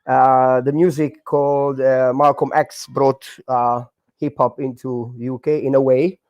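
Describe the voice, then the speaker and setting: A man in his forties from Hungary with a Hungarian accent, telling his story in a casual interview with many fillers and halting non-native grammar. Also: medium pitch, little pitch movement, no room sound, lo-fi sound. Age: 40s. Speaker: guest, breakdancer.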